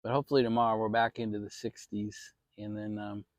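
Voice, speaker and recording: A man's voice: fairly low pitch, little pitch movement, fast. Casual American male vlogger, easygoing and rambling, salty now and then, talking from the backyard with a dry, echo-free sound. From Maryland, United States. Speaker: vlog host. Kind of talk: casual outdoor backyard chat to viewers. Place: outdoors in a shaded backyard.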